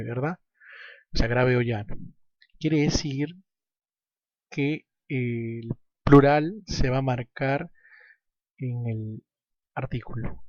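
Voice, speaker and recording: A man's voice: medium pitch, a little mellow, no echo, muffled recording. A man teaching a recorded grammar lesson, stressing each example word as he works through exercises. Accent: Peruvian Spanish. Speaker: language teacher.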